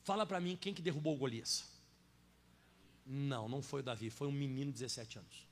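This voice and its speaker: A man with a Brazilian Portuguese accent preaching a sermon in church, swinging between soft asides and loud, emphatic declarations. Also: mid-range voice, fairly quick. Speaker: pastor. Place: church sanctuary.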